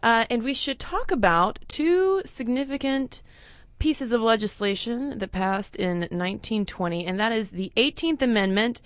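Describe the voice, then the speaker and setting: A woman's voice: on the high side, lively intonation, normal speed, no echo. A woman co-hosting a casual chat, reading out facts and figures with playful asides. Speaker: podcast co-host.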